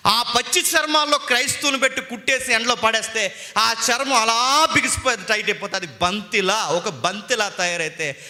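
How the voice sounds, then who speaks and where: A male pastor with a Telugu accent delivers a fervent sermon in a high, bright, forceful voice. His words ring with a long reverb from the church hall around him, and he swings from loud cries to low, quiet passages. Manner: impassioned preaching with dramatic swings of pitch and loudness.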